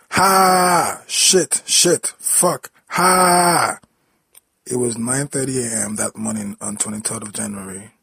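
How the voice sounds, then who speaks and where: A man reading a story aloud in a plain, steady storytelling manner. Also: fairly low pitch, creaky, slightly rough, no room sound, poor audio. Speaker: story narrator.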